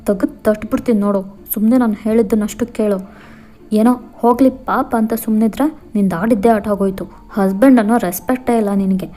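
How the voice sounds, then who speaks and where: A bossy young husband with a firm, commanding manner, voiced by a woman in an audio story. The voice is warm and mellow, with faint music behind it. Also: medium pitch, fairly even intonation, fairly quick, lightly acted. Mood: stern. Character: bossy young husband, stubborn then soothing.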